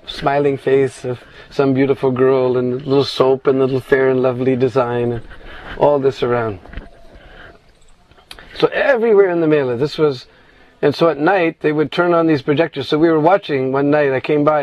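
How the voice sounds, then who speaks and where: A man's voice: mid-range voice, normal speed, darkish tone, dry recording, lo-fi sound. A man telling a scripture story in an informal sermon, meandering with restarts and frequent "you know".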